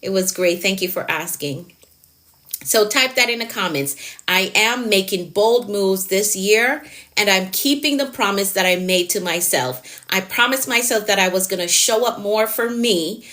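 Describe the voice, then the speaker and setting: Answering viewers' comments during a live stream, a productivity coach repeats her key phrases in an encouraging, emphatic, motivational way. Her voice is medium-pitched and fairly bright, at a moderate pace.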